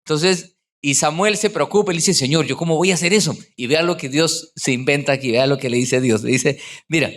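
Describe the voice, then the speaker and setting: A man's voice: a little high, fairly bright tone. A middle-aged man, a pastor preaching a sermon in a conversational way and putting questions to the congregation.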